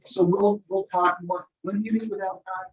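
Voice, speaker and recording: A man's voice: sits high, little pitch movement, normal speed, muffled recording. A man chatting and bantering during a break in a town meeting. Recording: distant, echoey room with clear background noise.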